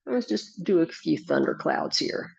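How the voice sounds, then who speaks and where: A woman instructor with a husky, slightly gravelly voice, gently guiding a tai chi class with serene, step-by-step movement and breathing cues. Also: mid-range voice, lively intonation, unhurried. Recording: dull lo-fi sound.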